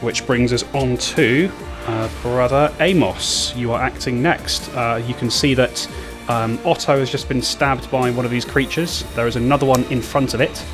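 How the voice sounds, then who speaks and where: A man acting as game master, narrating a tabletop role-playing game with halting, deliberate suspense. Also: medium pitch, steady tone. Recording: background music under the voice. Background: music.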